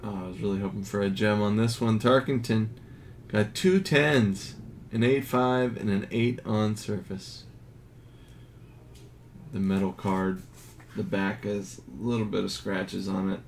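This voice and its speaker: A man casually narrating as he reveals graded trading cards, reading out each grade in a low-key, unhurried way. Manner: slow, low-key commentary, grades read in a flat list. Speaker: card collector. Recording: audible background noise.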